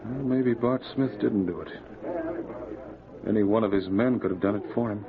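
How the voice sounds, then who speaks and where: A man playing a serious, steady Mountie sergeant, measured and authoritative, in a vintage radio adventure. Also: lowish voice, natural voice. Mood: grim. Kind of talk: old-time radio adventure acting. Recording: noisy, narrow old radio recording.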